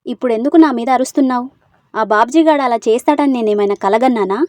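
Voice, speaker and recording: A woman voicing a spirited, sulky young village woman in a storybook reading, answering with sharp retorts. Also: on the high side, quick pace, no echo, lightly acted.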